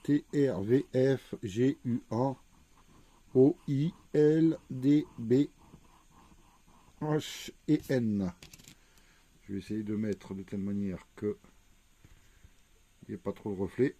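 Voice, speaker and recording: Slow, dark-voiced man spelling letters. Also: mid-range voice. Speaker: scratch-card vlogger. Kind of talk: casual commentary while scratching tickets.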